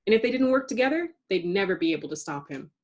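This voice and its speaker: A storybook reader, a woman with a medium-pitched voice, reads a children's tale aloud at a quick pace. Her narration is expressive, leaning on dramatic emphasis to build suspense.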